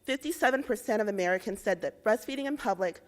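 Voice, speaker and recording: A young woman from Indiana giving a rehearsed policy pitch, with measured, persuasive delivery of facts and figures. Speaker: presenter in a policy pitch competition.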